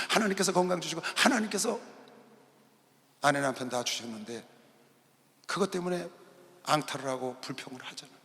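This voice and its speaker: A male pastor preaching a sermon, dramatic and swinging between loud bursts and quiet asides, in a large arena hall. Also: a little high, gravelly. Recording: long arena hall reverb.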